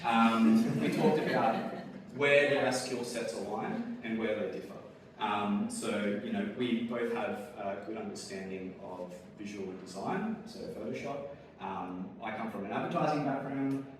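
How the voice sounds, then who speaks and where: With a measured pace and a lowish voice, the Australian game designer keeps his conference talk relaxed, sprinkling in ums and small laughs. Distance from the microphone makes the large hall echo around him, and a steady hiss runs throughout.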